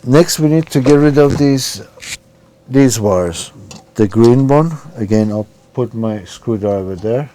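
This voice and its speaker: Working with his hands, a man hesitantly talks through an unscripted, informal repair demonstration one step at a time. His voice is medium in pitch and warm, and he takes it slowly. Background noise and handling clicks come through on an otherwise clear recording.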